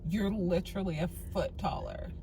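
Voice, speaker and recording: A woman's voice: lowish voice, steady tone, normal speed, dark tone, slight background noise, poor audio. A woman friend chatting casually on a vlog, blunt and teasing. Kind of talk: casual chat.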